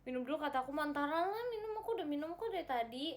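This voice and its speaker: A woman's voice: high-pitched, lively intonation, very fast. A young woman chatting casually on a livestream, reading viewer comments, giggling and repeating herself. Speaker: livestream host reading chat.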